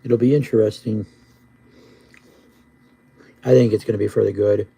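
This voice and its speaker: A man with a very dark, husky voice chats to a livestream in a laid-back stoner drawl. He rambles and repeats himself, keeping a flat, gravelly tone throughout. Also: fairly low pitch, moderate pace. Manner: repetitive, rambling. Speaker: live streamer. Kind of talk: casual rambling livestream chat.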